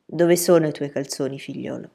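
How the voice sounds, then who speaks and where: A woman voicing a calm, firm middle-aged father in a storybook reading, speaking in a measured, lowered tone. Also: vocal fry, breathy edge, heavily acted. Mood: stern.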